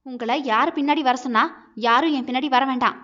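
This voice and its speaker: A woman's voice: sits high, fast talker, fairly bright tone. A woman voicing a hurt young wife who argues back sharply and bitterly, in a dull lo-fi recording.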